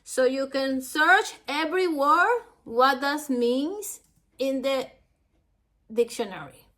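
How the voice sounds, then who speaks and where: With a high-pitched, animated, slightly bright voice, a language teacher from Ecuador walks through a lesson. She's a native Spanish speaker with a Latin American accent and delivers each phrase in a slow, halting manner.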